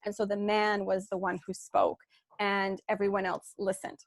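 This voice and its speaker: A woman's voice: mid-range voice, little pitch movement, normal speed, no room sound, clean studio sound. A woman life coach giving a candid online workshop talk, telling her story with many "you know"s and "like"s over a video call.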